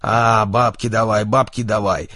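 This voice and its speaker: A man voicing a long-haired male street thug who screeches and yells. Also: on the low side, steady tone, unhurried, no room sound, clean studio sound. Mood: shrieking aggressive. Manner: screeching, yelling.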